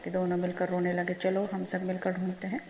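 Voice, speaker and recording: A woman's voice: on the low side, completely flat delivery, brisk, a little mellow, natural voice. A woman voicing a firm, sensible male bear in a children's storybook. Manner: firm, scolding.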